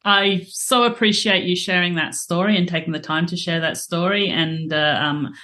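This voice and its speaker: A woman's voice: fairly low pitch, steady tone, normal speed, sharp tone. A woman hosting a podcast interview, asking questions in a chatty way that halts on many fillers. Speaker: podcast host.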